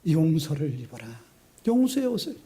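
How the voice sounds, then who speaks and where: A middle-aged male pastor giving a sermon, telling stories with lively swings between high excited and low hushed delivery. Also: normal speed. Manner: lively storytelling, acting out quotes. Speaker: senior pastor.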